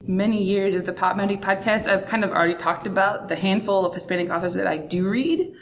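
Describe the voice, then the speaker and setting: A woman's voice: mid-range voice, fast talker. A woman co-hosting a podcast in casual conversation, chatty and self-deprecating. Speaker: podcast co-host. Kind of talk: casual chat.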